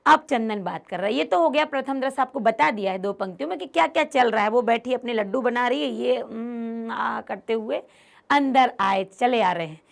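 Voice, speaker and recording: A woman's voice: on the high side, normal speed, gravelly. A woman teacher gives an online lesson, reading Sanskrit lines aloud and explaining them word by word, and acting out the characters' lines in a livelier voice.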